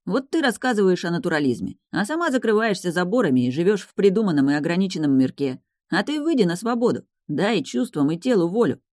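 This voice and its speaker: A woman doing a cocky, smooth-talking young man. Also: on the low side, sing-song, quick pace, hardly any pauses, darkish tone, dry recording, studio quality. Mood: teasing, cocky. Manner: cocky, self-assured, drawling.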